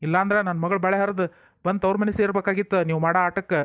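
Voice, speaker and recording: A man acting out an irritated village husband with a North Karnataka Kannada accent, scolding in quick, curt bursts. His voice runs high and quick, recorded dry and slightly dull. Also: little pitch movement, clean tone, no echo, lightly acted. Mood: stern. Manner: scolding, curt rustic talk. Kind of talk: comic village family drama.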